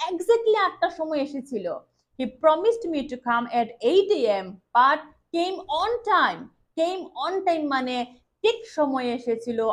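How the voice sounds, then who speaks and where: A woman teaching English grammar, speaking slowly and deliberately and repeating each example sentence. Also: high voice. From Tripura, India. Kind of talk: classroom-style grammar lesson.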